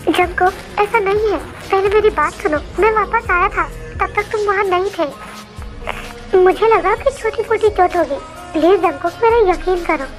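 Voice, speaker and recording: A woman's voice: very high-pitched, normal speed, over music. A woman voicing a remorseful young man who pleads with his lover, in an emotional fan storybook reading. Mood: pleading.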